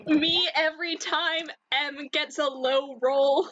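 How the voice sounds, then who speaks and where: A woman playing in a tabletop game, chatting casually, excitable and quick to swear when surprised. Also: high voice, muffled recording, slight background noise. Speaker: player.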